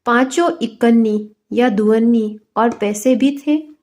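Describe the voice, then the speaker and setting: A woman's voice: a little high, slow pace, darkish tone. A woman voicing a stern middle-aged father who presses his young son with scolding questions, in a storybook reading. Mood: questioning.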